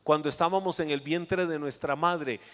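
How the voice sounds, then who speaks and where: A man preaching a sermon in an emphatic way, swinging between loud and hushed phrases as he acts out scenes. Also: a little high, steady tone, moderate pace, in a large hall.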